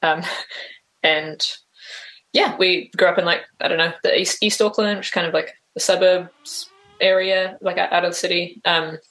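A woman from New Zealand gives casual, hesitant interview answers full of "like" and "um." Her lowish voice is steady and fairly bright, at normal speed.

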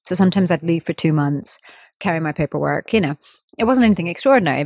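A woman in her thirties, a musician, answering interview questions in a thoughtful, measured way and laughing easily. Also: low voice, a little mellow, no echo, studio quality. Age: 30s. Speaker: interview guest, sitar player. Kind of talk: relaxed conversational interview.

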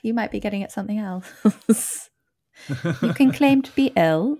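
A woman's voice: mid-range voice, animated, moderate pace, warm tone, no room sound, studio quality. A woman from Devon, a travel journalist, chatting casually on a podcast with enthusiastic, wry asides. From Devon, England.

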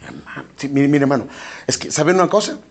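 A man's voice: a little high, lively intonation, fairly quick, vocal fry, husky. A middle-aged male pastor preaching a sermon, emphatic and repeating his phrases as he keeps calling his listeners brother.

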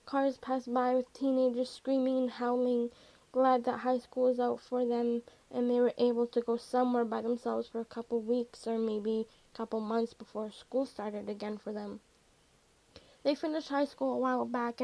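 Woman reading a story aloud, gravelly, somewhat high voice, steady. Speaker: narrator.

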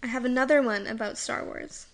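Woman co-host, casual chat, higher-pitched voice, chatty delivery with frequent laughs. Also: fairly quick. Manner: chatty, laughs often, drops to a low aside.

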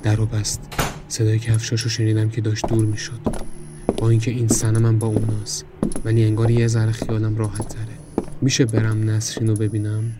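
Guy narrating a dark horror story, low grim voice. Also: monotone, background noise. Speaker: podcast narrator and host. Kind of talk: first-person horror narration.

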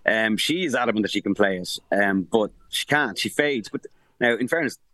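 A man, a sports journalist calling in from abroad who gives rapid, animated football analysis full of restarts and fillers. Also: on the low side, dry recording, low-quality recording. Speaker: sports journalist reporting from the tournament. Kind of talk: casual podcast analysis. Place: remote link from abroad.

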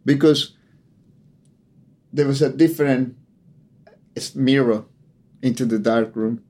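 A man's voice: mid-range voice, darkish tone, slight background noise. A man, a photographer, giving a grave personal account in an interview, often repeating words as he searches for how to say things. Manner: halting, repeats words while searching for phrasing; earnest, grave storytelling.

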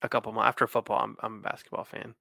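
A man chatting casually on a podcast with a nasal, congested voice. It is bright and forward, with a noticeable creak, recorded dry. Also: lowish voice, level tone, very fast, no echo. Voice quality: nasal from allergies. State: congested with allergies. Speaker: podcast co-host. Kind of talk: casual chat.

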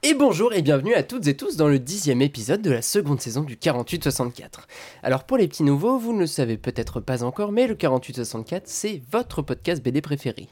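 A man's voice: a little high, sing-song, fast talker, few pauses, a little mellow. A man hosting a comics podcast, reading his scripted intro and review in a playful, self-mocking way with theatrical emphasis.

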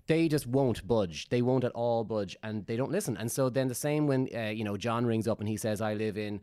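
A fast-talking Irish man in a casual podcast chat. He speaks at a middle pitch. He slips into little acted-out voices when he quotes his clients. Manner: animated, acts out callers in quoted voices. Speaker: matchmaker and podcast co-host.

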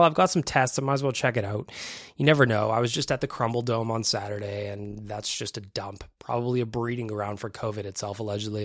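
Mildly congested with something like a cold, a solo sports podcast host talks loosely from his small basement home studio, his voice slightly nasal and phlegmy as he repeats phrases to stress points. He has a medium-pitched voice, captured cleanly with no room sound.

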